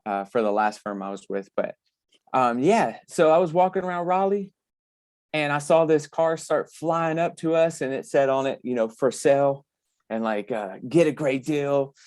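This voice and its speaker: A man's voice: medium pitch, normal speed, a little mellow, dry recording, clean studio sound. A man telling personal stories casually to a live audience as a guest speaker, with a slight lisp from missing front teeth, often repeating words and acting out quotes.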